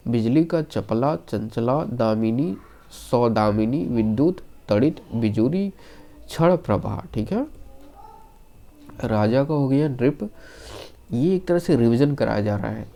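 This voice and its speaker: A man teaching an online Hindi exam-prep lesson, slightly hoarse from being unwell, reeling off lists of words and reassuring his students. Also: mid-range voice, lively intonation, slow pace, warm tone. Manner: rattles off word lists, reassuring asides to students.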